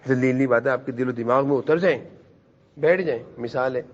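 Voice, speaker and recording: In a lo-fi recording, a man with a mid-range voice teaches a class of children at a madrasa. He repeats his points again and again and keeps quizzing the kids, urging them to answer.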